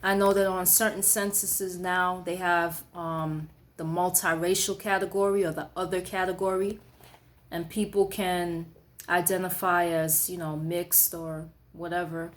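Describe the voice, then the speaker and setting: A woman poet gives a thoughtful, conversational late-night monologue in a fairly low, level voice. She often pauses with "you know" and "um," and reads her own writing aloud with extra force.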